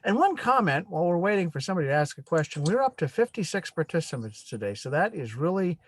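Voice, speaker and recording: A man moderating an online seminar, talking in a relaxed way with some fillers. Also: on the high side, fast talker, dry recording.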